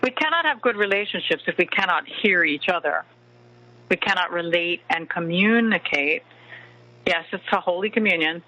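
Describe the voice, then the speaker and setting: A man giving a slow inspirational talk in the style of a guided meditation, with deliberate, spaced phrasing and pauses. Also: sits high, lively intonation, bright, forceful tone, low-quality recording. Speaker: spiritual teacher and meditation host.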